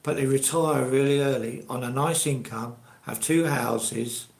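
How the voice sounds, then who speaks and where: A man in his sixties with an English accent chats informally to a live audience online. His voice is mid-pitched with plenty of gravelly fry, and he wanders conversationally through his thoughts. The room adds a noticeable echo. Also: fairly even intonation, a little slow. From England. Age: 60s. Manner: rambling, conversational. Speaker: live stream host. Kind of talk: casual live chat. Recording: roomy, echoey live stream.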